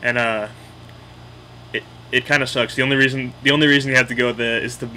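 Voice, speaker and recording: Boston accent guy explaining slang, bright forceful voice, blunt n opinionated, bit of room noise. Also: medium pitch, steady tone, quick pace, rough recording. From Boston area, United States. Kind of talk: casual explainer of local slang.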